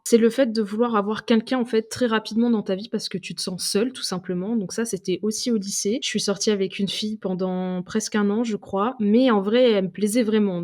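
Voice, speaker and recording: A woman in her twenties from southwestern France hosts a personal podcast. She speaks off the cuff in a mid-pitched voice, casual and confiding. Her delivery is chatty and a little hesitant as she gathers her thoughts. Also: darkish tone. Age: 20s. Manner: hesitant, unscripted, chatty with small laughs. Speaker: podcast host. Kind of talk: casual, confessional solo podcast talk.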